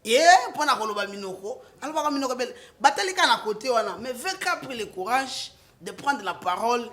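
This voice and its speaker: A man's voice: extremely high pitch, lively intonation, a little fast. A man with a Congolese French accent, a political guest speaking passionately and switching between French and Lingala. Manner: emphatic, rising to loud outbursts, with restarts. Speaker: political guest, party supporter. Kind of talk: impassioned political talk, mixing French and Lingala.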